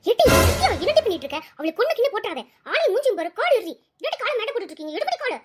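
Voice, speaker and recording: A woman's voice: very high-pitched, big pitch swings, rapid-fire, over loud music. A woman voicing a harried cartoon mother who scolds her quarrelling daughters in an exasperated, threatening way. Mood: scolding. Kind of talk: cartoon voice acting.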